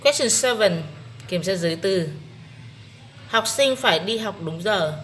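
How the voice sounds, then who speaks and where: A woman English teacher with a Vietnamese accent, calmly working through an exam-prep test one question at a time. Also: mid-range voice, a little hiss or hum. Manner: slow, methodical explaining. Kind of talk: exam-prep lesson walkthrough.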